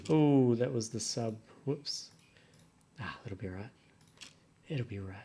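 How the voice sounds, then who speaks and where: With typing and mouse clicks plainly audible, a man making a music production tutorial thinks aloud and mutters to himself as he works on his computer, offhand and casual. His mid-range voice is mellow and he takes it slowly.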